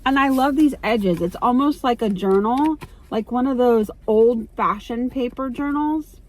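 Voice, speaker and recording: A middle-aged woman vlogging in casual chat from a parked car into her phone, telling stories in a chatty, excitable way. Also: a little high, unhurried.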